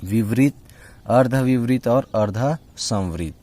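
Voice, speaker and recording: A man teaching a grammar lesson. He asks the class questions, answers them himself, checks in with "okay" again and again, and draws out the example vowel sounds slowly. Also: mid-range voice, dark tone. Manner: repeats "ठीक है" as a constant check-in. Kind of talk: spoken Hindi grammar lesson.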